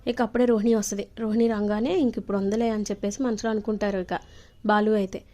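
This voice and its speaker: A woman's voice: medium pitch, level tone, fast talker, warm tone. A woman narrating a TV serial episode in a casual, rambling retelling full of linking fillers.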